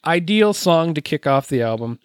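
A man's voice: fairly high pitch, animated, normal speed, smooth, no room sound, studio quality. Enthusiastic man co-hosting a music podcast. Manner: enthusiastic, rambling. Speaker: podcast co-host. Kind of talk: casual chat.

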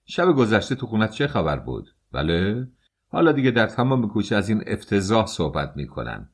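Male reader as a bullying police officer, deep, harsh storybook scolding. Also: wildly swooping pitch, husky, heavily acted.

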